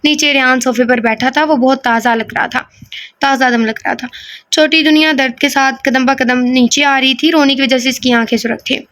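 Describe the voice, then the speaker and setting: A woman narrating a romance audio novel in a high voice. She reads at an even pace and slips into casual, joking asides. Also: normal speed. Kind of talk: reading a romance novel aloud.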